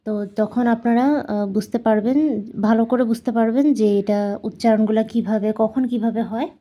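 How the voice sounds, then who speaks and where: A woman's voice: a little high, steady tone, normal speed, dull audio. A woman teaching a language lesson, patiently repeating each sound several times as she explains.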